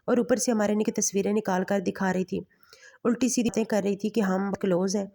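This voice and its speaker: A woman's voice: medium pitch, steady tone, gravelly, dark tone. A woman reading a stern young husband. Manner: hard, clipped scolding.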